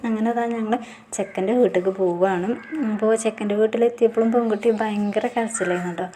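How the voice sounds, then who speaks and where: A woman's voice: medium pitch, steady tone, fast, mellow, slight background noise. A woman with a Keralan accent, narrating her own vlog in a chatty, casual way, tagging her sentences with friendly little asides. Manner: chatty, tags sentences with "ട്ടോ" and "കേട്ടോ". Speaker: vlogger.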